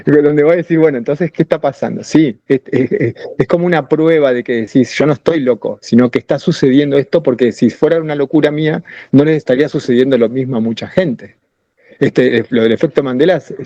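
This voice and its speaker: Warm-voiced Rioplatense man, rambling. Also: mid-range voice, no room sound, muffled recording. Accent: Rioplatense Spanish. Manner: rambling, speculative, many restarts. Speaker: podcast co-host. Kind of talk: casual podcast talk.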